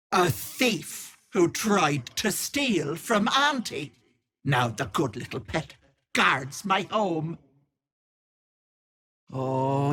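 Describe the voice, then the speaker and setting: A husky, low-voiced old hag, purring sugary endearments that curdle into sly menace. She drawls slowly and swoops widely up and down in pitch, like a cruel game villain playing the kindly auntie. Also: fairly bright tone, full character voice. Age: older. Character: wicked old hag posing as a sweet auntie. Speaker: game character. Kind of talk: video game voice acting.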